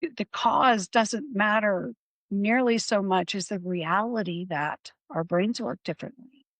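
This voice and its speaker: A woman's voice: mid-range voice, measured pace, no echo, poor audio. A woman hosting an interview podcast, explaining in an earnest way and often restarting her words. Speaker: podcast host. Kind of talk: conversational interview.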